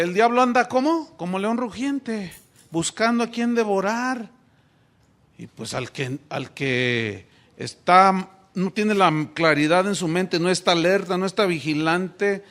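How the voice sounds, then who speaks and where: A man's voice: sits high, a bit bright. A middle-aged pastor from Mexico preaching a sermon, asking his congregation rhetorical questions.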